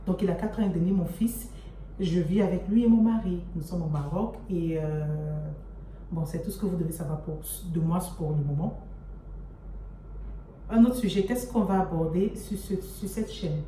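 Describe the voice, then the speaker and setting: A young adult woman vlogger introduces her channel, chatting casually and warmly to camera as she affectionately addresses her viewers. Her voice is lowish and dark in tone, at a normal speed. The recording has a roomy echo, a distant mic and faint noise.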